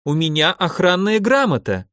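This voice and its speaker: A man voicing a panicked young woman prisoner in an audiobook, shrill and pleading. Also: sing-song, normal speed, fairly bright tone, no room sound, studio quality.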